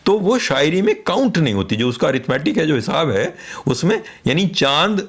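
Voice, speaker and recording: A man's voice: fairly high pitch, very animated. A man, a guest expert on poetry, patiently teaching pronunciation on a radio programme and spelling out letters. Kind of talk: explanatory radio talk.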